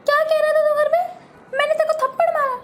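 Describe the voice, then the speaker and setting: A woman doing a shrill, bossy young sister. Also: little pitch movement, fast talker, a little hiss or hum. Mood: threatening. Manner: scolding, bickering, threatening. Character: proud hot-tempered young sister, bossy. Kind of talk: homemade comic family sketch.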